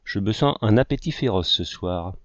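A man voicing a talkative young male artist who protests and argues at the dinner table, read in a low voice. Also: animated, moderate pace, no room sound, dull audio, natural voice. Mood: protesting.

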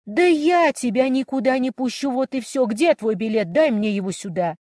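A fretful young woman who keeps pleading and fussing over her sister, as a woman reads her part in a storybook. mid-pitched voice in a dry, close recording with no room sound. the delivery leans eager and emotional throughout. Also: animated, moderate pace, darkish tone, dry recording, lightly acted. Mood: alarmed.

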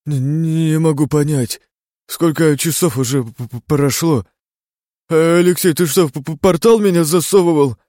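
A man voicing a broken, feverish young man who is hoarse, trembling and stammering, in an audiobook. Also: on the low side, a little slow, a little mellow, dry recording, clean studio sound. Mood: delirious. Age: young adult.

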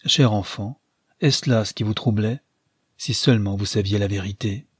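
A man voicing an eager, pressing young upper-class gentleman in an audiobook, with a husky voice. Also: fairly low pitch, moderate pace, no echo, clean studio sound. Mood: tender. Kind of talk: audiobook character reading.

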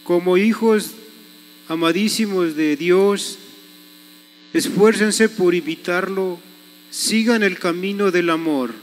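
A man reading scripture verses aloud during a sermon, slow and measured. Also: high-pitched, long reverb tail, a little hiss or hum, poor audio. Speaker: scripture reader.

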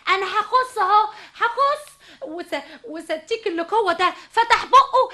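A woman's voice: very high-pitched, lively intonation, moderate pace, bright, forceful tone, exaggerated voice. A woman voicing a young woman accused of theft, protesting with nervous laughs, in an Egyptian accent, in a radio drama. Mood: defensive. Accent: Egyptian Arabic. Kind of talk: vintage radio drama acting.

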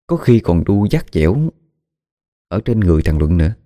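A man's voice: low voice, very animated, moderate pace, warm tone. A man narrating a ghost story in a colloquial way, with dramatic exclamations.

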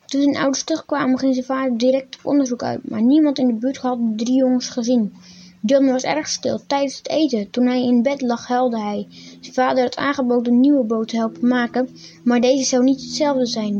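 A woman reading a children's story aloud in a calm, gentle way, with small slips. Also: sits high, normal speed, slightly rough. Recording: dull, lo-fi recording.

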